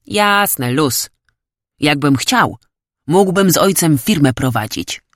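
A woman's voice: low-pitched, animated, slow, dry recording, clean studio sound. Woman doing a fed-up, laid-back young male student. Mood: offhand. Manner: casual, slangy, offhand. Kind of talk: audiobook character voice.

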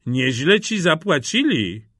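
A man voicing a greedy, envious rich peasant who talks gruffly and shouts his wares. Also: a little high, big pitch swings, takes it slowly, no echo, studio quality, voice pushed up, heavily acted. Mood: greedy hawking.

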